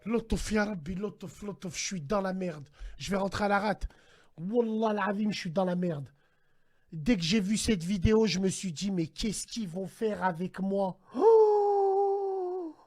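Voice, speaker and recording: A man hosting a casual call-in stream, animated and slangy, swinging between hushed dread and loud outbursts. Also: high-pitched, moderate pace. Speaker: host. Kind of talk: casual livestream radio chat.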